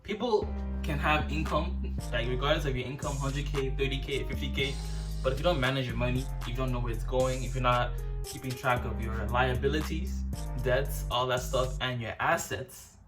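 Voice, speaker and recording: A man talks casually, hosting with street slang and frequent check-in phrases. His pitch is fairly high for a man. He sits a little back from the mic, with music clearly playing behind him. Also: normal speed, far from the mic. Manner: repeats tag questions such as "you know what I'm saying". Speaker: host of a reaction show.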